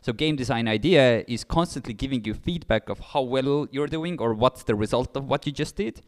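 Being interviewed in English, a young man who founded a startup in Estonia lays out his ideas eagerly, restarting often and using lots of fillers. He talks briskly at medium pitch.

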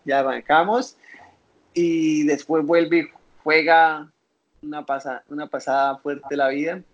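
A young man with a Colombian accent, a guest in an interview, telling his life story in an animated way and acting out the voices of people he quotes. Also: on the high side, slow pace, lo-fi sound.

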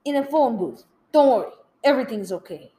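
A woman's voice: a little high, expressive, a little fast, mellow, roomy sound, natural voice. Woman playing George, a shifty hired killer. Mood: shifty, reassuring. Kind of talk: radio play acting.

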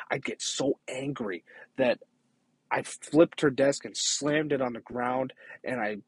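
A young man with a husky, somewhat breathy voice tells his own hard story in a halting, earnest way, stopping and restarting his sentences. His voice sits at a middle pitch and is recorded close and dry, with no room sound. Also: dry recording. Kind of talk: personal testimony.

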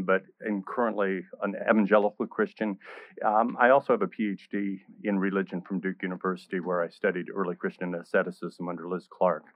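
Really deep-voiced guy, slow and measured, dry close sound. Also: dry recording, dull audio. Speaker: minister and nonprofit director, panel guest. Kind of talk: reflective discussion.

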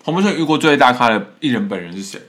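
A young man co-hosting a podcast, chatting casually with quick teasing remarks. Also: mid-range voice, lively intonation, a bit bright. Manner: quick-talking, teasing, reacts with laughs. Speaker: podcast co-host, stage performer. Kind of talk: casual chat.

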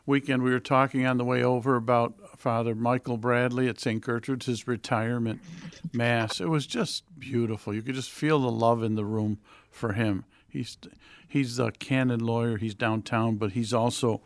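Male radio co-host, mid-range pitch, dry close sound, conversational. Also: fairly even intonation, normal speed, no echo. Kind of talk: casual radio talk.

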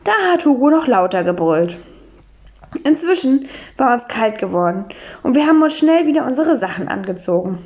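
Woman reading a kids' story, animated pitch, higher voice, dull lo-fi sound. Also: normal speed. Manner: lively first-person telling as a boy. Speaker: audiobook reader. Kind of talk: children's storybook narration. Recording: dull lo-fi recording.

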